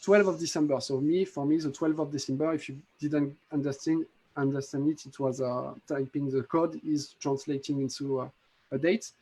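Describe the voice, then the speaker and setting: A man with a French accent walks viewers through a magic trick on a live video call. His voice sits a little high, and he explains in halting bursts, restarting his sentences and filling gaps with "uh". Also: fairly even intonation, dark tone, slightly rough. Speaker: app developer demonstrating a magic trick. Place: home in a city.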